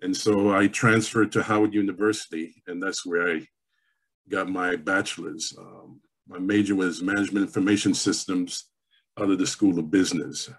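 A man's voice: low-pitched, fairly even intonation, slightly rough. A man in his fifties, born in Jamaica and raised in New York, telling his background as a panelist in an online forum over a webcam call in a room at home. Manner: measured, reflective storytelling. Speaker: panelist, professor and pastor. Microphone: webcam on a video call.

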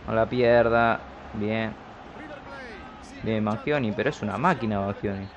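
A man with an Argentine accent and a gravelly edge commentates a football video game casually, rooting for his side in colloquial terms. The sound is dull and lo-fi, with clear noise behind him. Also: on the low side, measured pace. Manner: colloquial, partisan cheering on players. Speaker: YouTube gamer commentating his own match. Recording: dull lo-fi audio with loud noise.

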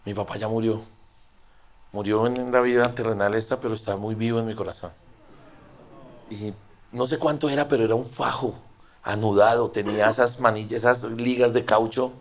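A Colombian man doing improvised stand-up, acting out family members and swinging from loud lines to whispers. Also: fairly low pitch. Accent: Colombian Spanish. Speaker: stand-up comedian. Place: live comedy stage before an audience.

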